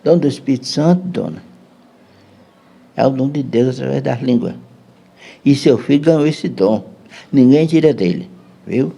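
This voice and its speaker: A man's voice: mid-range voice, moderate pace, gravelly, long pauses, husky. A man voicing a kindly German-born village priest who reassures a mother. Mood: reassuring. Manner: calm, reassuring.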